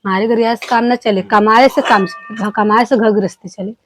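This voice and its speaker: Nagging, high-voiced village wife played by a woman, Bhojpuri-Awadhi accent. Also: fairly even intonation, moderate pace, background noise, lightly acted. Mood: reproachful. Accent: eastern Hindi belt, Bhojpuri-Awadhi. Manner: nagging, complaining, rustic speech. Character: fed-up scolding village wife with two boys. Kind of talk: amateur family skit dialogue.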